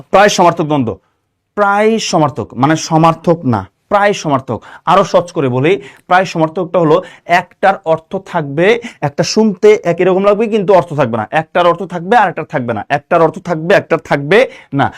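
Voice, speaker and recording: A young man from Bangladesh teaching a grammar lesson for exam students, repeating key terms and often checking that the class follows. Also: fairly high pitch. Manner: repetitive, checks understanding often.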